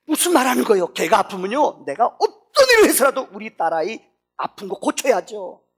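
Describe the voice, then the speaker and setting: A preacher voicing a bitter, desperate sick mother who lashes out and gushes about her daughter, in a raised, loud, gravelly voice. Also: big pitch swings, fast. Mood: fierce. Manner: shrill, venomous outbursts, then proud gushing.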